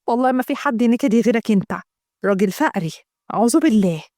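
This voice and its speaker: A woman's voice: on the high side, lively intonation, fast, a little mellow, dry recording, clean studio sound, close to an everyday voice. A woman voicing a middle-aged Egyptian housewife who argues and complains to her husband. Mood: complaining. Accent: Egyptian Arabic. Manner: pleading, complaining.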